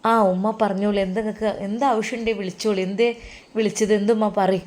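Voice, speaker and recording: A woman's voice: mid-range voice, level tone, fast, a little mellow, close to an everyday voice. A woman voicing a kind young religious teacher who talks in a friendly, reassuring way.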